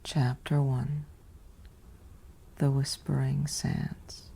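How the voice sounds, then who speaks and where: In this whispered ASMR sleep meditation, a woman speaks with a rumbling low, mellow voice full of vocal fry. Her delivery stays steady and soothing, with lengthy silences separating short phrases.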